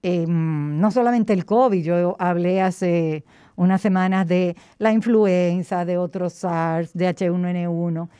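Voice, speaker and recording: A woman cardiologist explains a health topic with energy and emphasis. Her voice is mellow and warm, muffled by a face mask. The sound is dry and close. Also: on the low side, fairly even intonation, measured pace, smooth, no echo. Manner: emphatic, speaks with vigor. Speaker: cardiologist, show regular. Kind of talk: casual health talk on air. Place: closed room behind plastic screens.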